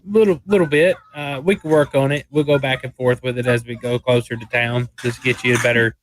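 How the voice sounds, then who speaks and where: A man's voice: mid-range voice, flat delivery, brisk, dry recording. Man chatting through a tabletop game, close-miked. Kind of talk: casual in-game chat.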